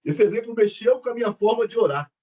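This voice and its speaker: High-voiced man, chatty storyteller. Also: quick pace, muffled recording. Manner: animated storyteller, chatty, laughs while telling. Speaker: prayer group member. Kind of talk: casual chat.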